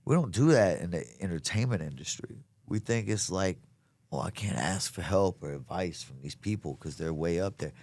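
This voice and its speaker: Speaking at a normal speed, this south Louisiana man has a low, slightly mellow voice and an animated delivery. He's a comedian being interviewed in a casual chat, coming across earnest and emphatic with lots of slang.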